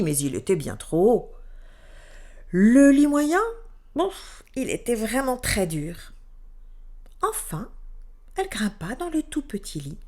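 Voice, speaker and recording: A woman narrating a children's fairy tale slowly and very expressively, with dramatic swings. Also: mid-range voice, darkish tone. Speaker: storyteller.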